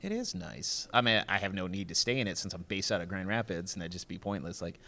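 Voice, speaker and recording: A man's voice: sits low, lively intonation, fast, sharp tone. A man hosting a casual interview, with a nasal voice and a joking, laid-back manner. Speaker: interviewer and host.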